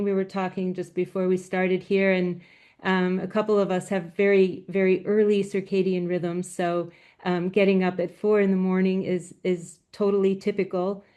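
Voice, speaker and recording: Speaking as a guest presenter, a soft-spoken woman who writes graphic novels has a quiet yet smooth, clear voice pitched in a woman's middle range. The audio carries a video call's slight thinness.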